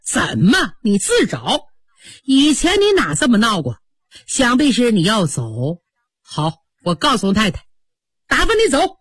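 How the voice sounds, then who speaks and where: A woman's voice: a little high, wildly swooping pitch, measured pace, slightly rough, dry recording, heavily acted. Baoyu, a wounded young master, voiced by a woman. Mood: aggrieved. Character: gentle young master, hurt and angry.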